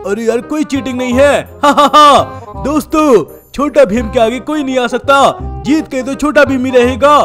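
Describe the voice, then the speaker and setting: A man's voice: extremely high pitch, normal speed, hardly any pauses, soft background music. A man voicing a boastful, strong cartoon boy hero who taunts his rivals in a gameplay role-play. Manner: cocky taunting, laughs at rivals.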